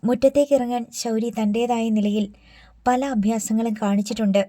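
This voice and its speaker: A woman narrating a story for an audiobook, reading the characters' dialogue in an even, gentle storytelling manner. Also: fairly high pitch.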